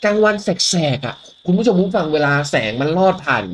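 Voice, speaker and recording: A man hosting a live-stream show on ghost stories, cutting in with quick, eager remarks. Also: high voice, animated, slight background noise, low-quality recording. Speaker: host.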